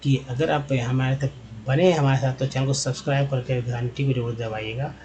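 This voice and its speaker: A man teaching English pronunciation in Hindi, repeating each example word slowly and often checking in with "है ना" and "दोस्तों". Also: medium pitch, fairly even intonation, darkish tone. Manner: addresses viewers as friends. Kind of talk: spoken lesson.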